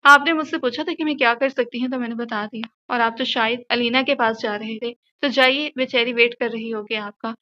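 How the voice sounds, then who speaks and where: A woman's voice: fairly high pitch, steady tone, brisk, hardly any pauses, highs cut off. A woman voicing a defiant young wife. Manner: sharp, reproachful retorts. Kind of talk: audio novel reading.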